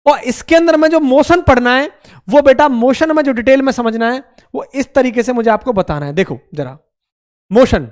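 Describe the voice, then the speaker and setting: Guy teaching physics, high voice, keeps repeating stuff, quizzes then answers himself. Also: expressive, moderate pace, a little mellow. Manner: repetitive, calls students beta and mere bhai; asks questions and answers them himself. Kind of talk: classroom lecture.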